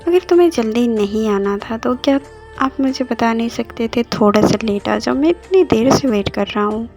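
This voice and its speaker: A woman's voice: on the high side, animated, moderate pace, darkish tone, soft background music. A woman voicing a talkative, eager young man who rambles at a friend, in an amateur voice drama. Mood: chatty. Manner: chatty, rambling.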